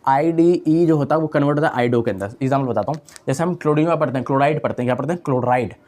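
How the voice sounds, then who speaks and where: A man's voice: on the high side, very fast, a little mellow. A young man teaching a chemistry lesson in a casual style, repeating key terms and asking and answering his own questions. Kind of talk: online lecture.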